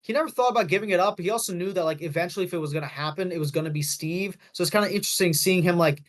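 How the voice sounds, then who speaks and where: Man, fast, slightly high voice, casual movie podcast chat, rambling, lots of fillers. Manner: rambling, heavy on fillers, self-correcting. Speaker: podcast co-host.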